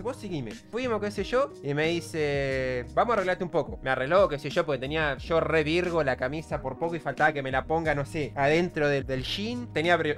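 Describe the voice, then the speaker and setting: Fast-talking Argentine guy telling a story. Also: fairly high pitch. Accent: Argentine Rioplatense Spanish. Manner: animated, crude slangy banter, laughs at himself. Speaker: streamer. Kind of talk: casual storytelling to a chat.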